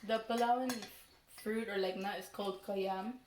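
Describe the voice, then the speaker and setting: A woman's voice: mid-range voice, fairly even intonation, darkish tone. Young woman storyteller, roomy echo. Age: young adult. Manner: halting, rambling, self-correcting delivery. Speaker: mukbang vlogger telling a folk legend. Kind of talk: casual storytelling. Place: small room indoors, seated at a table. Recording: roomy echo, background noise.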